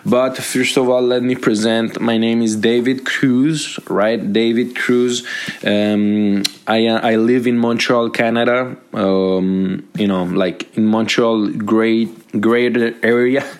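A young Colombian man hosts a casual solo podcast, speaking into a microphone in an upbeat, motivational way. His voice is lowish with a clean tone, and he restarts often and uses many fillers.

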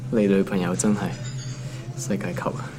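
Faint music plays behind a low, level, warm male voice speaking at normal speed. It belongs to a Hong Kong–accented actor lightly playing an ordinary young office worker in his 20s for a naturalistic audio drama, teasing, put-upon, wry and colloquial in a casual mood.

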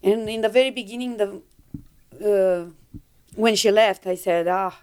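A woman's voice: medium pitch, smooth. Romanian-accented woman in her fifties. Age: 50s. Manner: halting, searching for words, animated retelling. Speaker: guest. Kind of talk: conversational interview.

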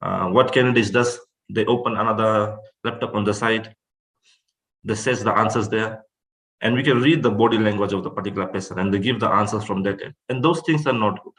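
A man's voice: fairly low pitch, brisk, fairly bright tone, rough recording. A man giving an online presentation in an instructive way, repeating phrases for emphasis. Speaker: guest speaker.

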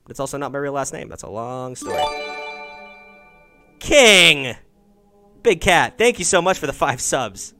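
A man's voice: medium pitch, quick pace, hardly any pauses, faint music behind. A young man hosting a live stream, chatting casually with his audience and callers, swearing and joking as he reacts. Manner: animated, swears, jokes with chat, reacts loudly. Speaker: streamer taking calls.

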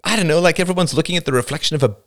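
A man's voice: fairly high pitch, very fast, voice pushed up, natural voice. A man voicing a spirited, punchy teenage girl. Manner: animated, laughing, self-mocking. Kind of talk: audiobook reading.

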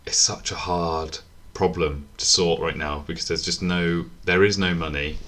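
A man's voice: deep voice, fairly even intonation, fairly bright tone. A British man co-hosting a casual podcast chat, joking and questioning his co-host. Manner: joking, quick to laugh.

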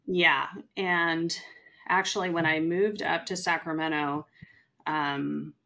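A woman's voice: low-pitched, slow pace. A middle-aged woman, a real estate agent, talking casually in a podcast conversation and acting out the people she quotes. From California. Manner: chatty, animated storyteller who acts out quotes.

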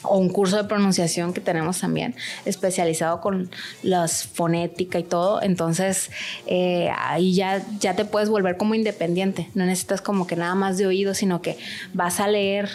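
A woman's voice: lowish voice, steady tone, moderate pace, a little mellow. A woman with a Mexican accent from Sinaloa, a translator and language school director, chatting in an interview and explaining things with lots of fillers. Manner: chatty, explanatory, with many fillers like este and pues. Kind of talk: casual interview chat.

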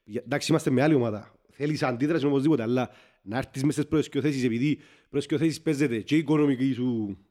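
A man with a Cypriot Greek accent chatting casually about football, halting as he circles back and repeats himself. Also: medium pitch, warm tone. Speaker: football fan podcast panelist.

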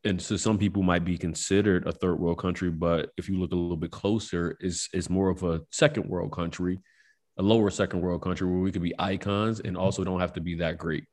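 An American man co-hosting a podcast, talking in a loose, slangy, animated way. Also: low voice, fairly quick. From United States. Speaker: podcast co-host. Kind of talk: casual chat.

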